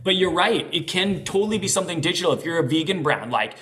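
A man's voice: high-pitched, expressive, fast, a bit bright. A man co-hosting a casual business podcast, talking in an upbeat, enthusiastic way. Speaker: podcast co-host.

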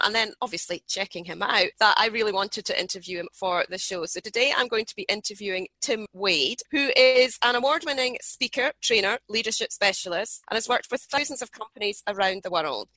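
A woman's voice: fairly high pitch, sharp tone, dry recording. A woman hosting an interview podcast, welcoming her guest in an enthusiastic, upbeat way. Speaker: podcast host.

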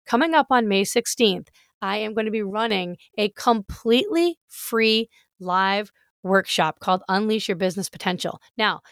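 A woman's voice: medium pitch, lively intonation, normal speed, fairly bright tone, no room sound, clean studio sound. A middle-aged woman talking casually and enthusiastically as a podcast host, with a friendly, emphatic delivery. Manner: friendly, emphatic, direct address to listeners.

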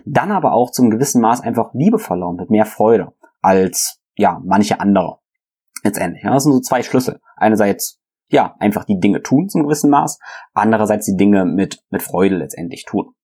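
A young man whose first language is German hosts his own solo podcast, reflecting earnestly on his path with frequent fillers and repeated words. His voice is lowish and dark in tone, expressive, at normal speed.

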